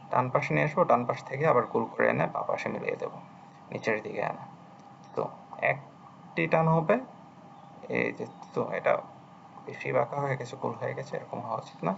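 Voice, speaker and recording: Gravelly-voiced man teaching on a screen recording. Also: mid-range voice, muffled recording, a little hiss or hum. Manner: patient, repeats phrases as he writes strokes. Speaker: language teacher. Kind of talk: screen-recorded lesson, writing while explaining.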